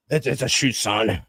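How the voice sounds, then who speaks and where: The recording is dry and studio quality, capturing a medium-pitched male voice with a breathy edge. He's an early-thirties podcast host who chats, rants, and tells stories casually, swearing freely and voicing his reactions in quotes.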